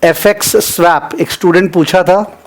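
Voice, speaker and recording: Chatty high-voiced Indian finance teacher. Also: male voice, fairly even intonation, moderate pace. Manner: chatty, mixes Hindi and English, frequent checks like "okay?". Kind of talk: online class lecture, casual asides.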